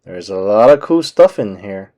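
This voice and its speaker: A man voicing a cheerful, excitable cartoon mouse in an eager, exclamatory way for a storybook. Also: on the low side, moderate pace, muffled recording, voice pushed down, close to an everyday voice.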